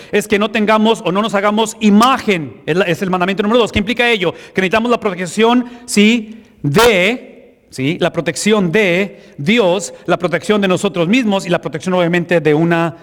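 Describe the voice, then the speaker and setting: A man's voice: sits high, a little fast, fairly bright tone, long reverb tail. A male pastor preaching a sermon in Spanish, emphatic and asking the congregation rhetorical questions.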